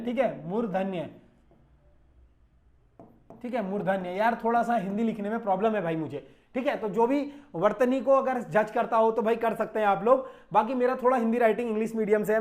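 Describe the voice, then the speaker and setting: A man's voice: sits high, a little mellow. A man teaching an online exam-prep class, explaining step by step and answering his own questions, with constant "okay" and "brother" check-ins. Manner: repetitive, checks in with "ठीक है" and "भाई".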